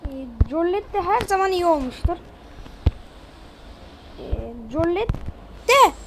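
A woman giving casual gameplay commentary in an excitable, slangy way, loudly scolding her teammates. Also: extremely high pitch, takes it slowly, background noise. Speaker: gamer streaming their own play.

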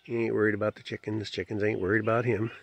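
A folksy man with a gravelly, creaky voice, narrating his farmyard on a handheld phone. The sound is dull and lo-fi, with chickens and outdoor noise behind him. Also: on the low side, fast. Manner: relaxed, folksy, talks to animals. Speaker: homestead vlogger. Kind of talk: casual narration while filming. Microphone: phone camera held by the filmer.

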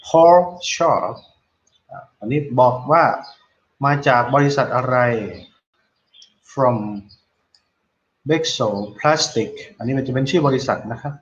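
A man teaching an English lesson online, explaining slowly, repeating words and quizzing students, and reading model phrases aloud in a drawn-out way. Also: medium pitch, lo-fi sound.

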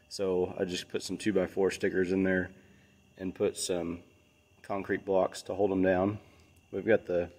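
His voice sits on the low side and sounds a little mellow as he, a DIY builder and channel host, casually and plainly explains a workshop project. He's inside a large metal-roofed workshop building.

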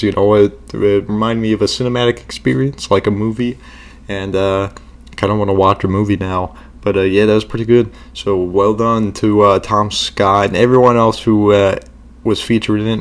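A man's voice: on the low side, fairly even intonation, normal speed. A man hosting a reaction video, talking casually and rambling with many fillers.

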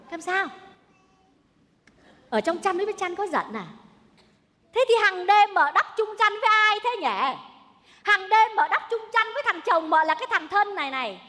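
Shrill bossy old mother-in-law. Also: sharp tone, slight background noise, heavily acted. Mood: outraged. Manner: shrill, theatrical scolding and wailing. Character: domineering rich old mother-in-law, scolding. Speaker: stage comedy actress. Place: theater stage. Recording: stage recording with long hall reverb.

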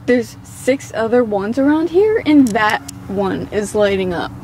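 A woman's voice: a little high, animated, unhurried, a little mellow. A woman on a casual paranormal vlog out in the woods, relaying the words she hears. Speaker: ghost hunter relaying spirit messages. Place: outdoors in woods at night. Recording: noisy outdoor recording with ambient noise.

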